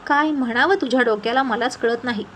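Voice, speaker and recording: A woman voicing a spirited, outspoken young woman in a storybook tale, with a lively, scolding manner. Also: on the high side, fast, slight background noise, close to an everyday voice.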